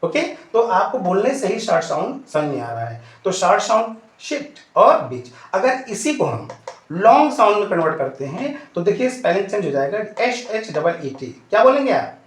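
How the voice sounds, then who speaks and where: This is a man giving an English lesson in an echoey room. His voice sits high. He fires questions at the class, answers them himself, and keeps repeating the key points. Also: very animated, normal speed. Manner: addresses students fondly. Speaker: English teacher.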